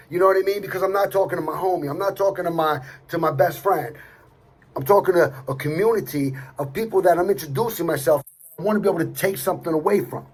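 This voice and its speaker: A man's voice: high voice, breathy edge. A middle-aged man giving a blunt, streetwise motivational talk, swearing at times and repeating himself. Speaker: motivational speaker. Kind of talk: motivational monologue to camera.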